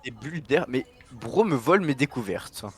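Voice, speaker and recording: A man's voice: medium pitch, expressive, moderate pace, a bit bright. A young adult man, a streamer casually commenting on a game with a friend in teasing, slangy speech.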